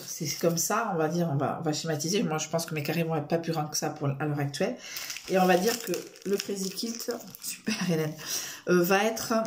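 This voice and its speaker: Lady vlogging at home, lowish voice, rambles with lots of euhs, roomy echo. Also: darkish tone, a little hiss or hum. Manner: rambling, full of fillers and restarts; self-mocking and chatty. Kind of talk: casual rambling chat to camera.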